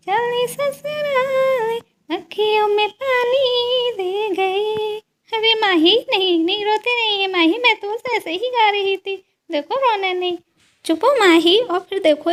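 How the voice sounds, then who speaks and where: Woman doing a doting mother-in-law, very high voice, doll story role-play, fond and boastful.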